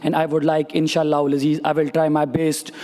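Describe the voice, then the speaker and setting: Mellow-voiced man from Pakistan, halting. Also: on the high side, monotone. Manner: halting, earnest, many fillers. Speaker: audience member commenting. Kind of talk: conference floor comment. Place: large conference hall. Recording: long hall reverb.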